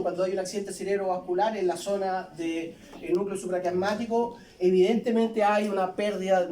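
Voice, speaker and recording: A university physiology lecturer, giving a conversational classroom lecture and constantly checking in with quick tag questions. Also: mid-range voice, darkish tone. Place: lecture hall. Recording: echoey lecture hall, voice from a distance.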